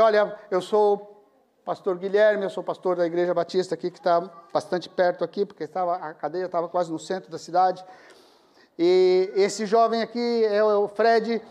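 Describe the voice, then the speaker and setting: High-voiced pastor telling a story. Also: male voice. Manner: animated storyteller, laughing at his own story. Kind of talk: sermon storytelling.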